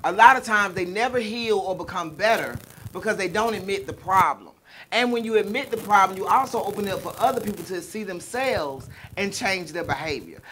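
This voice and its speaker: A woman's voice: mid-range voice, lively intonation, a little fast, fairly bright tone, slight background noise, poor audio. A woman from the American South with a Southern drawl, hosting a casual live chat in a blunt, emphatic, profane way. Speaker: talk show host.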